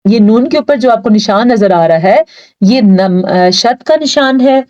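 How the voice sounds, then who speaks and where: A woman teaches Quran recitation rules in an unhurried, deliberate way, stretching each practised word out long. Her voice is mellow and dark rather than bright. The recording sounds a little dull and lo-fi. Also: a little high, lively intonation. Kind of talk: step-by-step pronunciation lesson.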